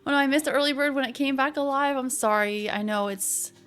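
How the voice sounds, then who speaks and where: Woman, high voice, playful gamer-girl streamer, bubbly, casual chat with viewers, faint background music. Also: fairly quick, fairly bright tone. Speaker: live streamer host. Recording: music behind the voice.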